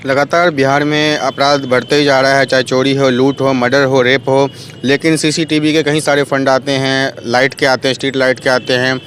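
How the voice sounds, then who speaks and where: A male reporter asking an interviewee formal questions in a steady way. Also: medium pitch, moderate pace, a little hiss or hum.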